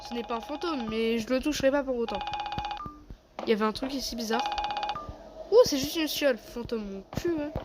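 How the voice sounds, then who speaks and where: A woman's voice: a little high, a little fast, pauses often, noisy background, natural voice. A woman playing a sarcastic, dramatic young boy in an amateur voice drama. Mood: wary.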